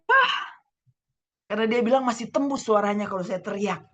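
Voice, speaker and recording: A middle-aged woman pastor from Manado with a Manado Indonesian accent, preaching a sermon over a video call, fervent and swinging between loud exclaiming and hushed asides. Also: mid-range voice, fast, heavy background noise. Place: home room, husband preaching next door.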